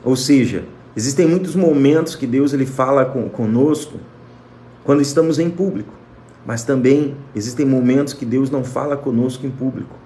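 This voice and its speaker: A man's voice: medium pitch, moderate pace, dark tone, slight background noise. A man with a Brazilian Portuguese accent preaching and praying fervently on a livestream, repeating blessings to his listeners. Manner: fervent, repetitive blessing of viewers by name. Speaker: pastor. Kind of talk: prayer and sermon on a livestream. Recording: echoey room with faint music.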